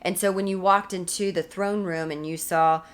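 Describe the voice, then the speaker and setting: In a recorded Bible study for women, an American woman with a slightly low voice teaches at a moderate pace and in a steady tone. She is earnest and repeats key phrases to drive each point home.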